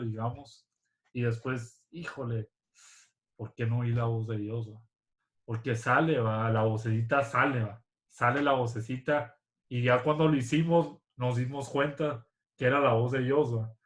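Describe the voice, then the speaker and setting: A man gives an informal sermon in a slow, level voice with little rise and fall. He stops and restarts his phrases and keeps checking in with his listeners. The room around him rings with echo. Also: mid-range voice. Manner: halting, repeats words, tags lines with "¿va?". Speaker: church speaker.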